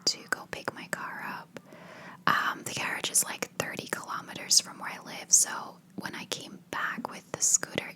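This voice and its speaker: A woman whispering in a hushed voice, chatting casually in a rambling ASMR style. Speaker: ASMR video creator.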